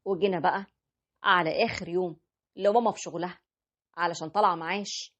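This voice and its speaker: A devoted young husband tells his family story, voiced by a woman reader in quick, plain storybook narration. The voice is husky and hurried, never slowing down. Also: lowish voice, steady tone, fairly bright tone. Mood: recounting. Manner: plain conversational retelling.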